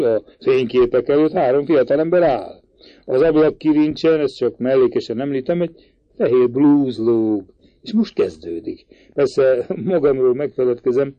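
A man's voice: medium pitch, no echo, natural voice. A man voicing an earnest young man in an audiobook, explaining and persuading eagerly. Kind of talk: audiobook reading. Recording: dry, slightly dull recording.

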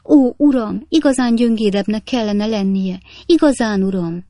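A woman voicing a flustered, excitable young lady's maid who fusses and scolds in a shrill voice. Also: no echo, clean studio sound, lightly acted. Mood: fussing. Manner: shrill, fussing, reproachful.

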